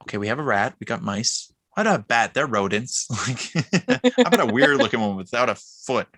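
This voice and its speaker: A man co-hosting a casual film podcast, excitable and laughing often as he acts out lines. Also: mid-range voice, fairly quick, dry recording, studio quality. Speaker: podcast co-host.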